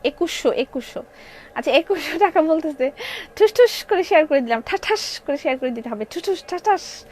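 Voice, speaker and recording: A woman's voice: sits high, expressive, a little fast, darkish tone. A young Bangladeshi woman with a Bengali accent hosting a live clothing sale, chatting with viewers and reading their comments aloud. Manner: chatty, reads viewer comments aloud, mixes in English phrases. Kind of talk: live-stream sales chat.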